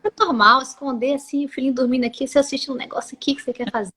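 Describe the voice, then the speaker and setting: A woman's voice: high-pitched, fairly even intonation, rapid-fire, bright, forceful tone, slightly rough. A woman with a Brazilian Portuguese accent hosting a live stream, reading viewer comments aloud and encouraging mothers affectionately. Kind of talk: casual live-stream conversation.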